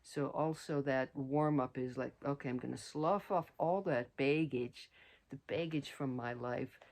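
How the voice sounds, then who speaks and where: A woman's voice: rumbling low, measured pace, darkish tone. Woman, middle-aged, outdoor hiking vlog, rambling, lots of ums and restarts, handheld mic on a trail. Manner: rambling, many fillers and restarts. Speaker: vlogger.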